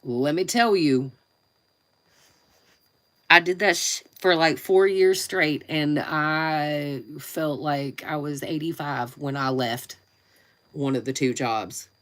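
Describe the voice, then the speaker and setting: A woman with a low, slightly bright, nasal and congested voice speaks slowly, rambling informally as she hosts a casual live stream as a YouTube creator.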